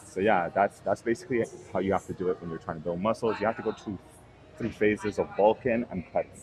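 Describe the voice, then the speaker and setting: A fitness vlogger in his thirties chats casually indoors at a gym, his fairly low voice moving at a quick pace over crowd noise. He sounds relaxed and rambling, using plenty of fillers in this vlog-style talk.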